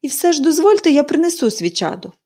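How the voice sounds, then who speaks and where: A woman's voice: a little high, sing-song, normal speed, darkish tone. Woman reading as an eager chatty young girl. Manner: eager, gushing. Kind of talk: audiobook character reading.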